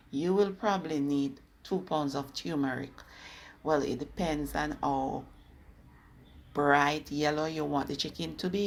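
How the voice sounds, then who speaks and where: Jamaican woman, cooking vlog host, chatty instructive delivery, deep voice, faint room ambience behind. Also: creaky, a little hiss or hum. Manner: chatty, instructive, slips into patois. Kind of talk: casual cooking video narration.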